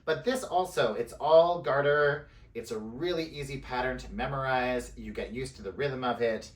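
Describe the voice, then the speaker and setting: A man talking casually to his camera in a mid-range voice. His talk wanders, full of "um"s and little laughs as he loses his thread. Relaxed, unscripted vlog chat. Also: mid-range voice, moderate pace. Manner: chatty, rambling, with many fillers and laughs. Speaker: knitting vlogger. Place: indoors, away from home.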